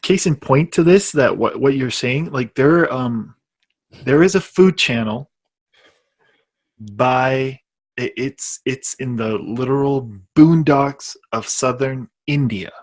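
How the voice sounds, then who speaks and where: A man co-hosting a podcast, telling an anecdote in a loose, rambling way and stringing his thoughts together with many "and"s. His voice is husky and slightly rough at a middle pitch, close on a studio mic. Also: slow pace. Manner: rambling storyteller, lots of "and" restarts. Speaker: podcast co-host. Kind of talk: casual podcast chat.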